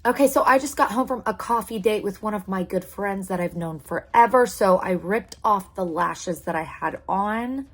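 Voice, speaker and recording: A woman's voice: mid-range voice, moderate pace, hardly any pauses. An American woman chatting casually as a beauty vlogger, gushing and repeating words for emphasis. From Oklahoma, United States. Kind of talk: casual makeup tutorial chat.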